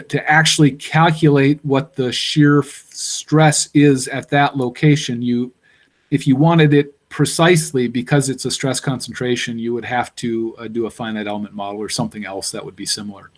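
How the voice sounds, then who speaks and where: A man giving a university engineering lecture, explaining step by step and thinking aloud with fillers. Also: mid-range voice.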